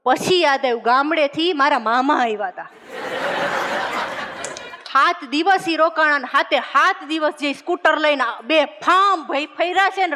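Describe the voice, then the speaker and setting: High-voiced woman telling jokes. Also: pushed and bright. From Gujarat, India. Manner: chatty storyteller acting out dialogue. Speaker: comedian. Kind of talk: stand-up joke telling. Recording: long hall reverb.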